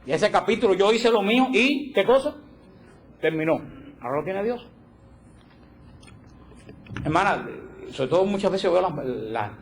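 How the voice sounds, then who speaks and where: A man teaching a catechism course in a slightly higher voice, lively and expressive, slipping into quoted voices to make his point. A faint hiss sits under the recording. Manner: animated, acts out quoted voices, repeats for emphasis. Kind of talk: religious teaching talk.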